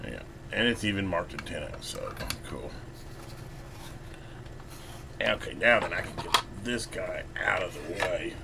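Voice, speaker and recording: Hosting a repair video, a man speaks in a low, animated voice at a moderate pace, casually thinking out loud while doing hands-on work. The recording is a clearly noisy hobbyist one.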